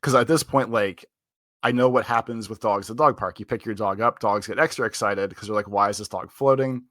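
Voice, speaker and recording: A man's voice: lowish voice, a little fast, fairly bright tone, no echo, clean studio sound. A man co-hosting a podcast, telling a long story in casual chat, full of "like" fillers and rambling. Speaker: podcast co-host.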